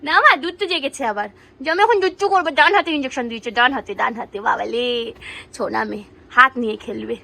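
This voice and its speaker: A woman's voice: fairly high pitch, a little fast, gravelly, bright, forceful tone, poor audio. A woman, a tired mother vlogging with her baby, switching between cooing baby talk and casual chat to the camera.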